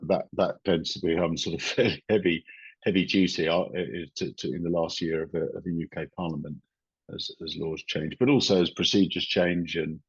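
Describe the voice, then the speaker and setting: A man's voice: deep voice, slightly rough, dry recording. A middle-aged man from England, a retired police officer, explaining things in a casual video interview with many small restarts. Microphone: video call. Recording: dull, lo-fi video call audio.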